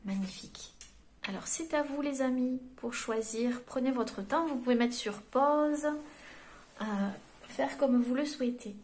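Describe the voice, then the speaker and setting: A French woman giving a spiritual card reading, gently reading quotes aloud and encouraging her viewers. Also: high voice, unhurried. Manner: gentle and encouraging, reads quotes aloud then explains them.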